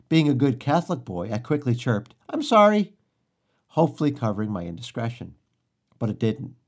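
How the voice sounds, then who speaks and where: A middle-aged man preaching a devotional sermon, earnest and measured, repeating key lines for emphasis. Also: medium pitch, a little mellow.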